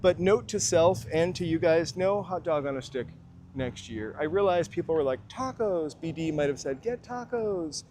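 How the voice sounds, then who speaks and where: A man's voice: on the high side, moderate pace, darkish tone. A man livestreaming a city walk outdoors, chatting casually to his viewers in rambling asides and a little out of breath. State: slightly out of breath from walking. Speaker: walking tour livestreamer. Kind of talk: casual live walking vlog. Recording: faint street noise behind.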